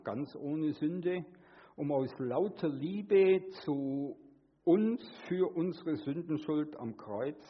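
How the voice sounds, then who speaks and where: A man preaching a sermon, earnest, moving between hushed and emphatic delivery. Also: husky, dull audio. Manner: acts out quoted voices with sudden high pitch.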